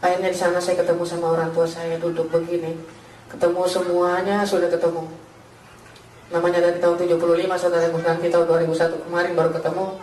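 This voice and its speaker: A man's voice: high-pitched, completely flat delivery, quick pace, a little mellow, slight background noise. A man giving an emotional spoken testimony in a church, often calling his listeners brothers. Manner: keeps addressing listeners as brothers. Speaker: testimony speaker. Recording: echoey hall, distant mic.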